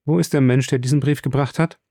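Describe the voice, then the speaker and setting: A man's voice: mid-range voice, fairly even intonation, fast, dark tone, no room sound, studio quality, natural voice. A man reading the part of a wealthy, composed count in an audiobook, courteous with a touch of irony. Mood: calm, courteous. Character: suave wealthy count, calm and commanding.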